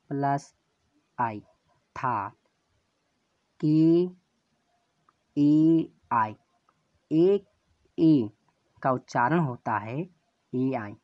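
Man teaching letters super slow, spells each sound out, dull lo-fi audio. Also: medium pitch, no room sound. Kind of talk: slow classroom explanation.

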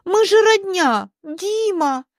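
A woman's voice: very high voice, lively intonation, slow pace, no room sound, studio quality, voice pushed up, exaggerated voice. A woman voicing a flustered, fussy elderly aunt in a spoken story. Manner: fussing, pleading.

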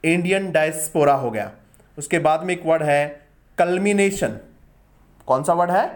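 A man from India teaching English vocabulary from newspaper editorials, speaking slowly and deliberately, spelling out words and repeating them. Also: on the high side.

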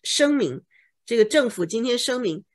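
A woman tutors English vocabulary, patiently explaining what words mean and repeating the key ones, checking comprehension with a frequent "OK." Her voice is a little high and animated, and she speaks at a moderate pace.

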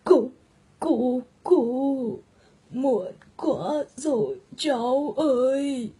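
A woman voicing a sick old grandmother who has turned into a bird, calling slowly and tearfully from far off, with guitar music behind. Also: high-pitched, lively intonation, warm tone, breathy edge, exaggerated voice. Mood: sorrowful. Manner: slow, tearful, distant calling.

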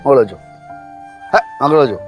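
A man's voice: medium pitch, animated, fairly quick, soft background music, lightly acted. An actor playing a stubborn, drunk father who coaxes his daughter with doting baby talk. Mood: coaxing. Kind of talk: sitcom acting.

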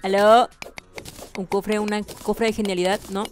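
A woman's voice: mid-range voice, flat delivery, moderate pace, a little hiss or hum. Playful woman gaming. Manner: playful, hums little sound effects and talks to game creatures. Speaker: gameplay host. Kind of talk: casual let's-play commentary.

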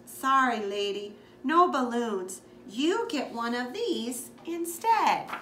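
A woman voicing a brisk, offhand male barber in a storybook. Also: fairly high pitch, lively intonation, sharp tone, recorded from a distance, exaggerated voice. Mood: breezy. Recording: echoey room with background noise.

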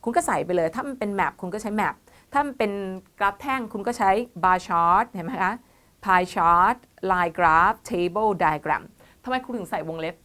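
A woman's voice: medium pitch, expressive, brisk, fairly bright tone. A woman teaching an online IELTS writing lesson, explaining step by step and calling her students "child".

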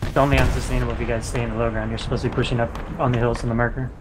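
A man's voice: mid-range voice, flat delivery, racing, noisy background. A man giving directions as squad leader in tactical game voice chat. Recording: game voice chat over loud gunfire.

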